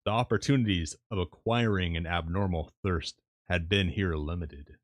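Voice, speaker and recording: A man reading a classic novel aloud as a streamer, in audiobook-style narration with measured, deliberate phrasing. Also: low voice, dry recording. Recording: music playing behind the voice. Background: background music.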